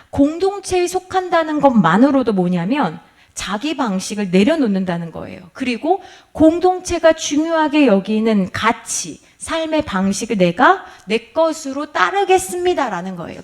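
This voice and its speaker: A woman's voice: high-pitched, darkish tone. A middle-aged woman pastor giving a sermon lecture, asking the congregation questions and acting out quoted complaints.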